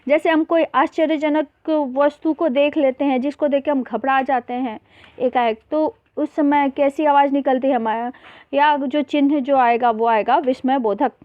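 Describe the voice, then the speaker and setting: Tinny, high-voiced woman teaching children. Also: steady tone, moderate pace, dry recording. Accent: Hindi, mixing English terms. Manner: addresses children as beta, explains patiently with repeated examples. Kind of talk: worksheet lesson for young children. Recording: tinny phone-like voice-over.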